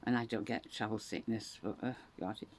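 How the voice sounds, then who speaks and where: A woman's voice: a bass voice, steady tone, a little fast. A woman in her sixties from England, talking in a rambling, chatty monologue and animating her voice when quoting others. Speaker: vlogger. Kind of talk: casual monologue.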